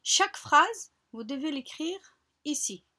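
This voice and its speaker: A woman teacher slowly guiding children through a French workbook lesson, repeating words and spelling out syllables patiently. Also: high-pitched, animated, sharp tone. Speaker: primary school teacher. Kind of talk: recorded lesson walkthrough.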